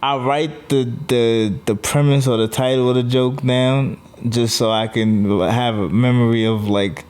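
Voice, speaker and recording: A man guesting on a podcast as a comedian, telling stories in a relaxed way with lots of "like" fillers. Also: medium pitch, measured pace, few pauses, clean tone. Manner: easygoing storyteller, lots of "like" fillers. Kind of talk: casual podcast chat.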